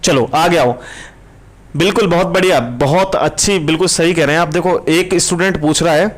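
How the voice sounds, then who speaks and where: Male tutor, fairly high voice, brisk live class, keeps asking students questions. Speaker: reasoning teacher.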